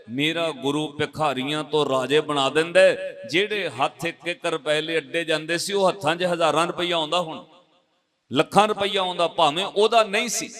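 A man's voice: a little high, a bit bright. A male Sikh preacher telling a moral story in a sermon, emphatic and repetitive, speaking to the congregation.

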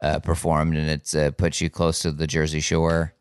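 Deep-voiced dry-humored man on podcast. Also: monotone, normal speed, clear, resonant tone, dry recording. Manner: dry, wry remarks. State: tired. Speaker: podcast co-host. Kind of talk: casual chat.

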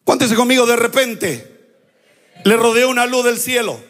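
A middle-aged man preaching a sermon, lively, with shouted emphasis and sound effects. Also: very high-pitched, a little slow, big-room sound. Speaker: pastor.

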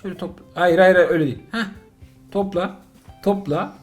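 A middle-aged man, a father, playing a mobile driving game with his son and commenting casually, excitable and exasperated by turns, full of jokes. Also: sits high, a little fast, soft background music.

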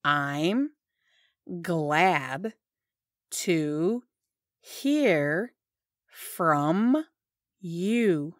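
A woman's voice: fairly low pitch, animated, extremely slow, long pauses, no echo, clean studio sound. A woman teaching English phrases, saying each one whole, then word by word. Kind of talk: slow repeated phrase drilling.

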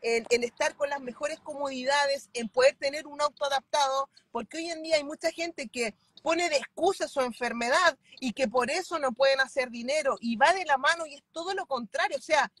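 Speaking fairly quickly with few pauses, a woman with a high, slightly bright voice is heard in a dry recording. The Chilean mentoring client, in her thirties, talks with fervor on a video call from inside her car, phone at arm's length.

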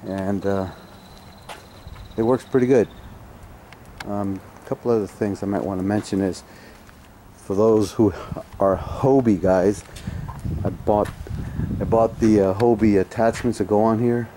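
A man with a fairly low, mellow voice talks through a casual product review, stopping often for fillers and restarts. He gives blunt opinions. He is recorded outdoors on a camera mic, with faint ambient noise behind him. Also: fairly even intonation, measured pace, long pauses. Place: outdoors on a home driveway.

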